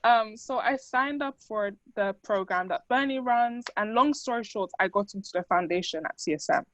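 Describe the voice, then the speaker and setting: A young woman student, raised in the Netherlands with Dutch as her mother tongue, talks chattily to an audience using many fillers. Her voice is a little high and her pace moderate. The audio is dull, with no echo.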